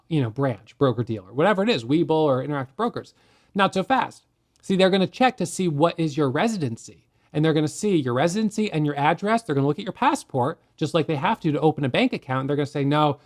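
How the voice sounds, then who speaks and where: A man who teaches day trading, explaining a rule in a plain, conversational way and asking rhetorical questions as he goes. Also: fairly high pitch. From United States. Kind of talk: explanatory talk to camera.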